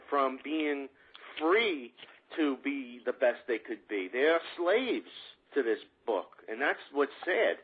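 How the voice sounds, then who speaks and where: A man's voice: mid-range voice, husky. A man hosting a radio talk show, asking questions in a conversational, reactive way. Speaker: radio host. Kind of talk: radio interview. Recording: tinny phone-like radio sound.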